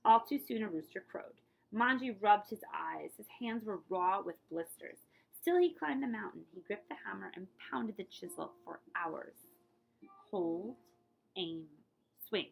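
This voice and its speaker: A woman reads a picture book aloud like a librarian, her mid-range voice a little slow and touched with vocal fry, though the audio is poor. She delivers it expressively, hitting key words dramatically and adding explanatory asides.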